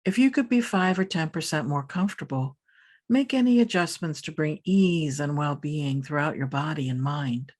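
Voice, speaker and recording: A woman meditation teacher guides listeners through a scripted meditation, her low voice calm and soothing. She keeps a measured pace and pauses between phrases.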